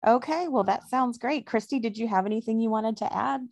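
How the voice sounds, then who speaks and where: A woman's voice: fairly high pitch, brisk, darkish tone, no echo. A woman hosting a podcast interview, talking in a friendly, chatty way with frequent fillers. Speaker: podcast host. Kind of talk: casual conversational interview.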